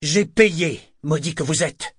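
A man voicing a volatile, proud male pirate captain who shouts threats. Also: a little high, slow, breathy edge, dry recording, clean studio sound, voice pushed up, heavily acted. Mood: shouting. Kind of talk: audiobook character voice.

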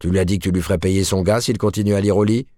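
A man's voice: sits low, fairly even intonation, very fast, warm tone, dry recording, voice pushed up, natural voice. Man voicing a bullying middle-aged husband, cold, cutting, hammering each word, dry sound. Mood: cold, scolding.

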